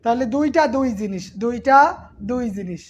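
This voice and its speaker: Woman teacher, high voice, patient, repeats and quizzes students. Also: expressive, moderate pace, darkish tone. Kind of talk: online exam-prep class.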